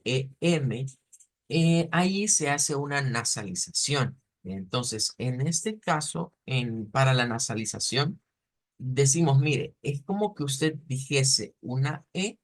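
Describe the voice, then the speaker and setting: A male language teacher, speaking at a middle pitch. He explains step by step with patience and often stops to check that his students follow him. His talk is full of small fillers and restarts. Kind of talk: online class lecture.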